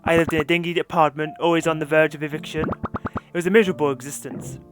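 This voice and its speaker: A man reading game dialogue as a smug female CEO villain, slow, theatrical and condescending in a menacing monologue. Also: on the high side, steady tone, over music, lightly acted. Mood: theatrical, reflective.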